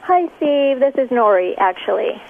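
Woman, radio show caller, tinny phone line, slightly high voice, hesitant with many ums. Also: animated, moderate pace, vocal fry.

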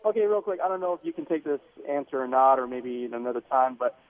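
A man calling in to a radio show over the phone, asking his question in a hurried, informal way with filler ums. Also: medium pitch, lively intonation. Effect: heard over a phone line. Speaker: caller. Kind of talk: call-in question to a radio host. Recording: narrow phone-line sound.

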